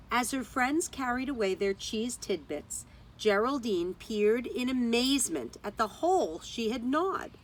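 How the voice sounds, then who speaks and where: Outdoors, a female teacher with a slightly high voice reads a children's story aloud, delivering it expressively and putting dramatic stress on key words.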